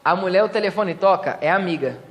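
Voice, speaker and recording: High-voiced Brazilian pastor in a reverberant hall. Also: male voice, a little fast, faint music behind. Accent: Brazilian Portuguese. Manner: acts out little scenes with voices, joking. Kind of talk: humorous sermon. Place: church hall.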